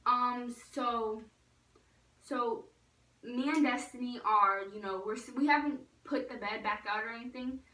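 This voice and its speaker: A young woman with a bright, high-set voice tells a casual storytime for her vlog, chatty and full of acted-out quotes. She sounds a little distant from the mic. The room around her rings with echo. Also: a little slow. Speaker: vlogger.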